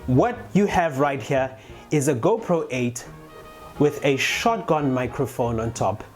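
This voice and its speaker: Chatty vlogger doing a casual gear tutorial, mid pitched voice, music playing behind. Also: a little mellow. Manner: chatty, addresses viewers directly. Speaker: motovlogger presenting a gear tutorial. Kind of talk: casual how-to explanation. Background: background music.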